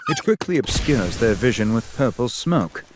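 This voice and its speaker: A man's voice: medium pitch, very animated, moderate pace, over music. A man reading scripted narration for a video game character showcase.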